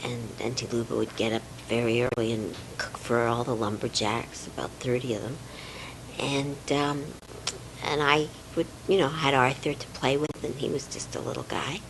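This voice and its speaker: Older woman from Romania, low voice, halting fillers, faint background hiss; reminiscing interviewee. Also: fairly even intonation. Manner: hesitant, many fillers, soft trailing words. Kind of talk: reflective home interview.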